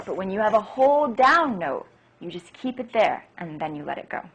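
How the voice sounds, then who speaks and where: Woman piano teacher, eager and chatty, a little breathy, mid-range voice. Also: mid-range voice, very animated, normal speed, highs cut off. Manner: enthusiastic, chatty, acts out child-friendly phrases. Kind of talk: instructional demonstration.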